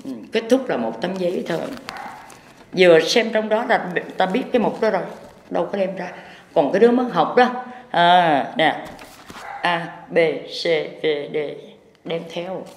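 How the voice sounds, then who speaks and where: A man's voice: sits high, expressive, normal speed, slight background noise. A man, a Buddhist teacher giving a folksy, rambling impromptu sermon. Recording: echoey hall with long reverb.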